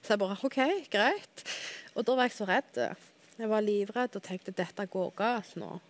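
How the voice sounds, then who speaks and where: A woman guest in a television studio tells her personal faith testimony. She speaks earnestly and candidly at a medium pitch. She keeps turning to the host for agreement as she talks. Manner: earnest and candid, often asks "right?" of the host.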